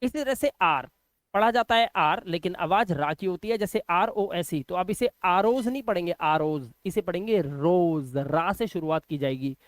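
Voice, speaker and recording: A man's voice: high-pitched, animated, moderate pace, fairly bright tone, no echo. A man teaching a phonics lesson, patiently spelling words out letter by letter and repeating them.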